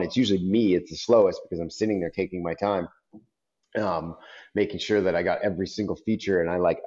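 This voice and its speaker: A man's voice: deep voice, darkish tone, lo-fi sound. A man judging an event, talking casually on a podcast, rambling with lots of "like" and "you know". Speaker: event judge, podcast guest.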